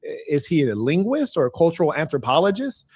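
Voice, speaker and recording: A man's voice: on the high side, big pitch swings, fairly quick, darkish tone, no echo, clean studio sound. A man giving opinionated commentary in an assertive, sardonic tone.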